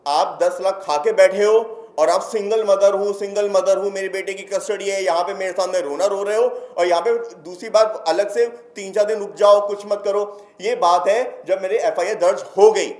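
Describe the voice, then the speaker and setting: A man with a high voice delivers an angry public statement, accusing and repeating himself with force. The sound rings around an echoey room. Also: moderate pace, darkish tone. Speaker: complainant addressing the press.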